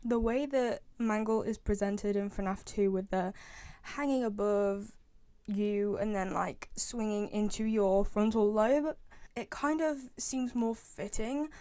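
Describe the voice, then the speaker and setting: Here the game-fan video creator speaks slowly in a mid-range, dark voice, recorded dry. Her commentary is casual and opinionated, chatty, with phrases repeated for emphasis.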